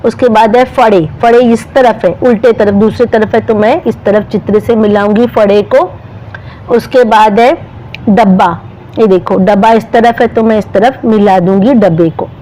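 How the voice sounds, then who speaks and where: A woman's voice: mid-range voice, fairly even intonation, normal speed, mellow, slight background noise, poor audio. A woman teacher, spelling out syllables one by one and speaking directly to young children in a step-by-step lesson.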